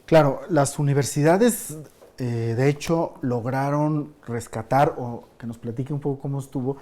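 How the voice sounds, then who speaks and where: A man hosting a studio panel, animated and questioning, with frequent fillers. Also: medium pitch, normal speed. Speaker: talk show host.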